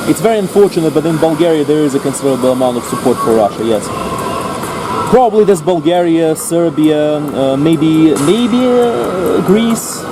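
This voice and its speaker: A man's voice: fairly high pitch, animated, moderate pace. Insistent man debating on a noisy street. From Ukraine. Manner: insistent, lecturing, asks rhetorical questions. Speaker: pro-Ukrainian street debater. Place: outdoors on a city street in the rain. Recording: loud street and traffic noise.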